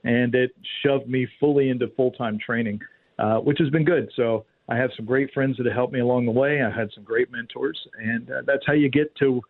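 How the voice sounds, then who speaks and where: A man's voice: mid-range voice, steady tone, fairly quick, no room sound. A man being interviewed as a guest on talk radio over a tinny phone line, speaking candidly with many filler words. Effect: tinny phone line on a talk radio broadcast. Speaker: guest firearms and martial arts instructor. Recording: narrow phone-line sound, dry.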